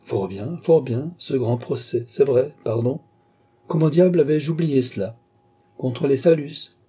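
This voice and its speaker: A man's voice: mid-range voice, measured pace, warm tone, breathy edge, pitched above the performer's own voice. A man doing a sly, courtly old duke. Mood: teasing. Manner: gallant, teasing, mock-polite.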